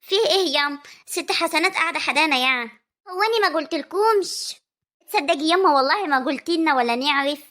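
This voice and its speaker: A woman voicing a sharp-tongued young village daughter with a rural Egyptian accent, quick and nagging. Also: high voice, animated. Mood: complaining. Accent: rural Egyptian Arabic.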